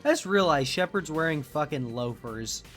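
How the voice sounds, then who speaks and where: A man's voice: fairly high pitch, expressive, moderate pace, fairly bright tone. A man giving casual gameplay commentary as a streamer, candid and swearing a lot. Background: game music.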